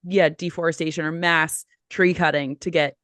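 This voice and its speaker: A woman's voice: sits low, fairly even intonation, normal speed, fairly bright tone, no echo. A woman hosting a casual podcast interview, asking long rambling questions full of fillers. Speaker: podcast host.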